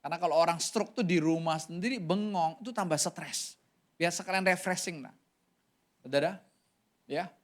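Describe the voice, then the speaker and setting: Animated male pastor preaching. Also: moderate pace, long pauses. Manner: animated storytelling with sudden pitch jumps; keeps addressing the congregation directly. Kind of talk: sermon.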